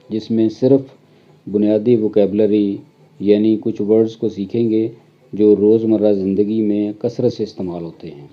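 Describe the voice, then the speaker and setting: A man's voice: lowish voice, lo-fi sound. A man teaching a language lesson from slides, explaining patiently step by step with examples.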